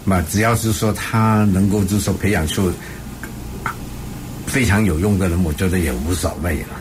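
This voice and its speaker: An older man, a professor, answering interview questions in a hesitant, halting conversational way. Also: deep voice, steady tone. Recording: clear background ambient noise.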